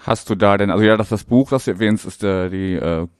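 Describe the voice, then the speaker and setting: A man's voice: lowish voice, a little fast, no room sound, studio quality. A man hosting a football podcast, chatty and casual with many filler sounds. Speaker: podcast host.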